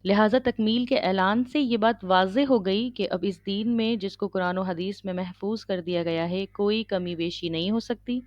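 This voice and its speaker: A woman giving a religious lecture, teaching in a measured way and checking in with her listeners. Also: mid-range voice, darkish tone, dry recording, dull audio. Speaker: Islamic lecturer.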